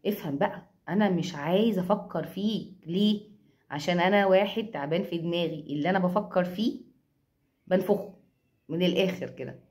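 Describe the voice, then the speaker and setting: A woman's voice: fairly low pitch, a little fast, darkish tone, close to an everyday voice. A woman with an Egyptian accent voicing an arrogant, irritated man who is obsessed and resentful, speaking scornfully. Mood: exasperated. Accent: Egyptian Arabic.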